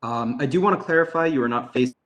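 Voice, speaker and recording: A man's voice: mid-range voice, quick pace, fairly bright tone. A young man moderating a student town hall, brief and businesslike. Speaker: event moderator.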